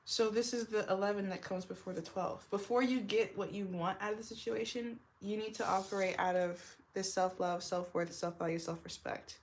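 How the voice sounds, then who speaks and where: A young tarot reader with a deep, smoky voice she blames on years of smoking gives a loose, rambling reading for a casual vlog. She packs her sentences with "like," laughs often, and lets thoughts trail off, yet her tone stays steady at a normal speed with few pauses.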